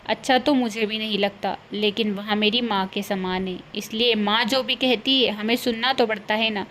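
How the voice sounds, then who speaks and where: A woman voicing a meek, hardworking young daughter-in-law in a cartoon, gentle and polite. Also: mid-range voice, fairly even intonation, moderate pace, a little hiss or hum, close to an everyday voice. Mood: pleading. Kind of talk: cartoon voice acting.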